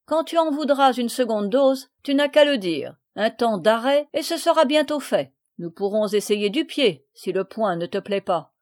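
A woman reading the lines of a rough, blustering count who mocks and threatens a thief loudly. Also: a little high, moderate pace, few pauses, no echo, clean studio sound, natural voice. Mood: mocking. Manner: gruff, loud, mocking.

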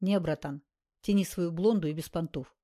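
A woman voicing a loud, boastful male gangster who talks in rough slang. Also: on the low side, moderate pace, lightly acted. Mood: boisterous.

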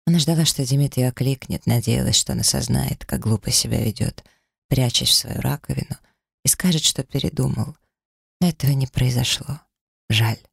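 Gravelly male audiobook narrator. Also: mid-range voice, brisk, no room sound, clean studio sound. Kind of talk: scripted narration.

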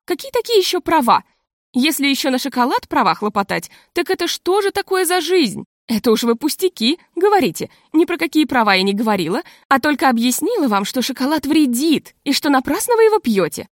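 A woman's voice: high voice, very animated, fairly quick, no room sound, clean studio sound, voice pushed up. A woman reading an audiobook voices a pushy, scornful female guest who keeps insisting on her gossip. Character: stubborn gossiping female guest, middle-aged, smug and pushy.

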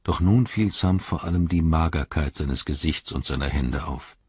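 A man narrating an audiobook in a measured storytelling manner. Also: very deep voice, a little mellow, slightly rough, no echo, muffled recording. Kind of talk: audiobook reading.

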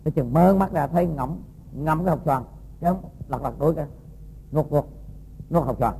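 Gravelly-voiced monk teaching. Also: male voice, a little high, a little fast, slight background noise, rough recording. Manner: lively, folksy, quizzes the audience. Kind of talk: storytelling sermon to young students.

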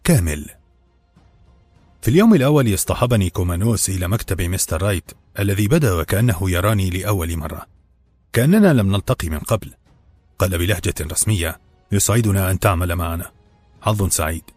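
Deep-voiced man narrating a novel. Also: husky, no room sound, soft background music. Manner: steady, measured storytelling. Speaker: audiobook narrator.

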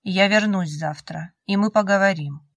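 A woman reading a young man who pleads with his lover and will not let go, his insistent voice sitting at an ordinary pitch. He sounds possessive and urgent, as in a romance audiobook. The recording is dry and close. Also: moderate pace, a bit bright, no echo. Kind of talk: audiobook character voice.

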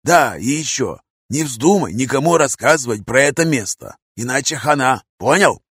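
A man voicing a hoarse, gruff male vagrant who talks in coarse street slang. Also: medium pitch, expressive, a bit bright, no echo, clean studio sound, voice pushed up. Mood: chatty. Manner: slangy, coarse, drawn-out talk.

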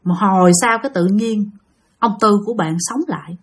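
A woman's voice: mid-range voice, brisk. Chatty Southern Vietnamese woman storyteller. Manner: chatty, addresses listeners directly. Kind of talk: spooky storytelling narration.

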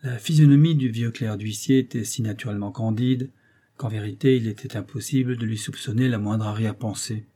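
Husky, dark-voiced male narrator. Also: on the low side, fairly even intonation, fairly quick. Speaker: audiobook narrator. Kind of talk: literary narration.

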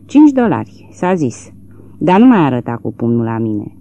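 A woman reading a hoarse, calm horse trader. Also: medium pitch. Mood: flat, calm.

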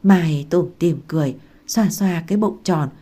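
A woman narrating a novel aloud in a calm, steady reading voice. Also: fairly low pitch, moderate pace. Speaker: audiobook narrator. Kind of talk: story narration.

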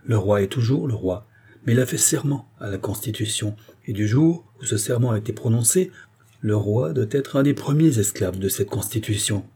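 Man doing a measured persuasive minister in his fifties, low husky voice, storybook reading. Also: lively intonation, mellow. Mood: calm. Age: 50s. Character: calm, shrewd older male minister.

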